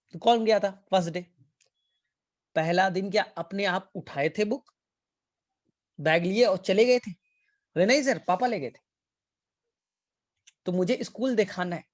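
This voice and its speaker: A man teaching biology in a lively classroom style. He explains ideas through a story about a father and child, often repeats key phrases, and mixes English terms into his Hindi. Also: sits high. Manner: playful, acts out a father and a crying child. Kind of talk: classroom lecture with analogies.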